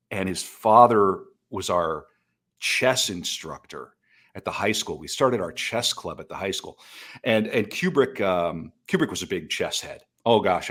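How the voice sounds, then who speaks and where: A middle-aged American man from North Dakota tells stories on a podcast, casual and enthusiastic, rambling as he goes. His deep voice has a fairly bright tone with a breathy edge.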